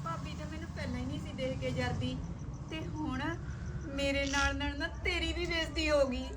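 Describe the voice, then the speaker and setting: A woman's voice: high-pitched, steady tone, a little fast, heavy background noise, natural voice. A woman with a Punjabi accent acting an innocent younger sister, pleading and tearful. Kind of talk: Punjabi short film acting.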